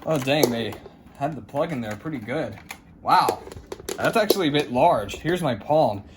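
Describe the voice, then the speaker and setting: This radio unboxing host has a mid-range voice with lively intonation and a moderate pace. He's casual and a bit of a showman, calling out each step of the unboxing like a presenter. Ambient hiss fills the noisy room recording.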